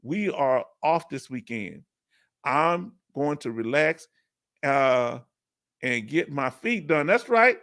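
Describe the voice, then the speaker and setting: A middle-aged man hosting a casual live Q&A stream speaks with a Houston, Texas accent, laid-back and chatty with frequent laughs. His mid-range voice is animated and fairly bright, though his pace is slow.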